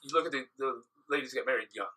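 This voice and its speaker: A man's voice: mid-range voice, fast talker, pushed and bright. A man co-hosting a podcast, giving playful, joking advice in casual chat. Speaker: podcast co-host.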